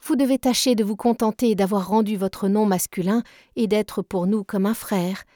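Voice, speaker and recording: A shy, gentle girl who speaks softly and slowly, as a woman reads her in a storybook. Mellow, warm tone, recorded close and dry. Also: mid-range voice, fairly even intonation, dry recording, close to an everyday voice.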